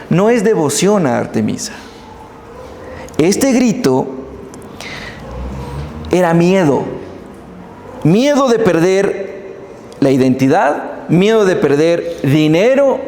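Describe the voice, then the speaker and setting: A man preaching a sermon in a church, telling the story with animated emphasis and speaking straight to the congregation. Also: fairly high pitch, slow pace, pauses often, slight background noise. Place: church hall. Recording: echoey church hall.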